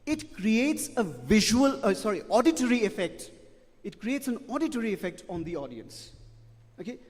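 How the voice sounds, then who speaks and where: A man's voice: high voice, sing-song, normal speed. A middle-aged man, giving emphatic, repetitive feedback as a debate judge and ending his points with "okay?". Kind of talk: spoken feedback to students. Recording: long hall reverb.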